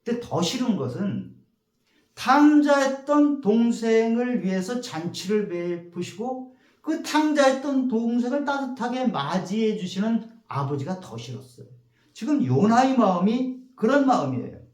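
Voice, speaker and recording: A male pastor preaching a sermon in a church, telling the story in an animated way and acting out the quotes. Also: extremely high pitch, measured pace, roomy sound. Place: church sanctuary.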